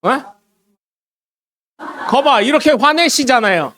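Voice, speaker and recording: A man's voice: extremely high pitch, lively intonation, slow pace, bright, forceful tone, a little hiss or hum. A middle-aged man preaching a casual, conversational sermon as a pastor in a church, often asking the congregation questions and acting out voices in quotes. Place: church sanctuary.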